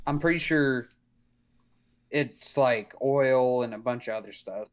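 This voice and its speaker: A man's voice: mid-range voice, measured pace, smooth. A young man co-hosting a podcast, chatting casually in an informal, slangy and somewhat hesitant way. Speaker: podcast co-host. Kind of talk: casual chat.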